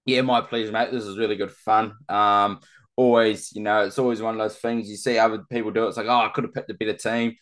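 A man's voice: fairly low pitch, little pitch movement, fast, a bit bright. A man chatting casually about sport as a guest, with a laid-back, slangy way of talking.

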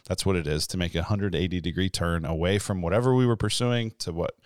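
A man co-hosting a faith podcast, giving an earnest, unhurried devotional talk on scripture. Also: deep voice, no room sound, studio quality. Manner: earnest, unhurried teaching with fillers. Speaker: podcast co-host.

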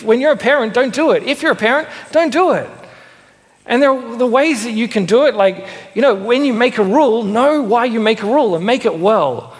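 High-voiced young preacher in a reverberant church. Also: male voice. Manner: conversational, self-deprecating asides, animated. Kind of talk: sermon.

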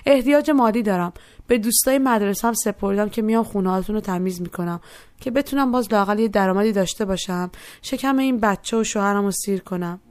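A woman's voice: medium pitch, darkish tone, lightly acted. A woman voicing a poor, tired young mother who pleads and explains her hardship. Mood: weary.

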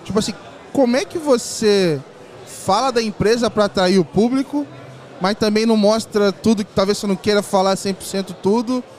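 A male podcast host with a Brazilian Portuguese accent and a notably high voice. He talks in a casual, slangy way, as in an informal chat. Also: fairly quick.

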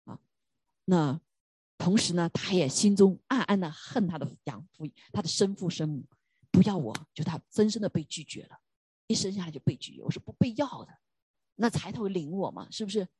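A woman's voice: fairly low pitch, expressive, brisk, a little mellow, breathy edge, no echo. A woman preaching a sermon, telling a story with emphatic rhetorical questions.

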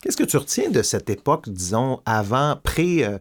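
A man's voice: mid-range voice, moderate pace, breathy edge. A man with a Québécois French accent hosting an interview, asking questions and often restarting his sentences. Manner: lively questioning, frequent stammered restarts. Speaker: podcast host. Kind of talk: conversational interview.

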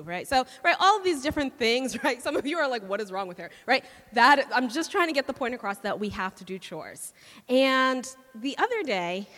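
A woman gives a conversational sermon with a mid-range voice, tossing quick questions and laughs to her listeners. Her voice carries a long reverb from a large church hall. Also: mid-range voice, fairly bright tone. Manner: chatty, laughing, asks the audience questions. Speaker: church speaker.

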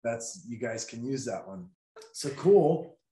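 A man's voice: mid-range voice, expressive, takes it slowly, warm tone, reverberant. A man hosting a podcast, chatting casually in a jokey, rambling way and laughing easily. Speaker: podcast host. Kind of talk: casual chat.

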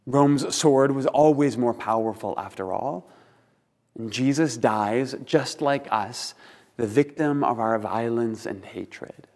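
A man preaching a sermon as a pastor, speaking in deliberate, earnest phrases with rhetorical pauses, in a large empty room. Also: mid-range voice, a little mellow. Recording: reverberant empty hall.

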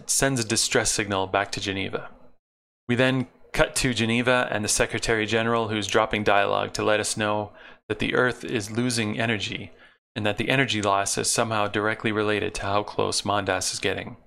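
A man with a low, gravelly voice walks through an episode plot in a relaxed recap, stopping for dry, sarcastic asides. His tone has a sharp, forceful edge. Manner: wry sarcastic asides between plot summary.

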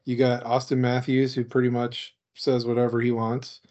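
Man, co-host, blunt casual talk, mid-pitched voice, lo-fi recording. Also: completely flat delivery, normal speed, a little mellow. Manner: blunt, lists examples one after another. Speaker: podcast co-host. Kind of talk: casual podcast chat. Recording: dull lo-fi audio.

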